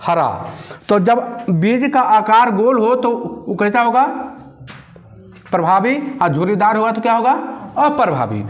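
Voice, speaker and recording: Young guy teaching class, keeps repeating q and a, slow and high. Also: lively intonation. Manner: repetitive question-and-answer drilling. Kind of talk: classroom lesson.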